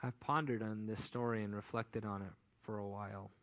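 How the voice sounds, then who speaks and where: A man's voice: lowish voice, steady tone, a little fast, fairly bright tone. Conversational male pastor preaching. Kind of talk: sermon.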